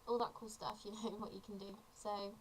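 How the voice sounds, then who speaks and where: A woman's voice: mid-range voice, little pitch movement, moderate pace, a little hiss or hum, poor audio. A seventeen-year-old woman, chatty and earnest, explaining a topic in a casual tutorial vlog. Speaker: vlogger.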